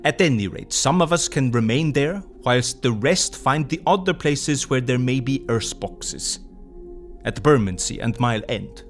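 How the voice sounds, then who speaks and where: An actor playing an older professor in an audio drama, earnest and commanding, speaking deliberately in quaint foreign phrasing. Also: male voice, medium pitch, lively intonation, soft background music. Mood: purposeful.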